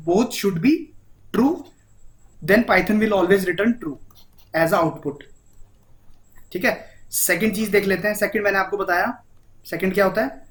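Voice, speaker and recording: A man's voice: sits high, fairly bright tone. A man with an Indian accent teaching a programming lesson in a casual, chatty way, often checking in with his listener and mixing English terms into his talk. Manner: repeats "ठीक है?" and mixes English terms into Hindi. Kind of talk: casual Hindi coding lesson.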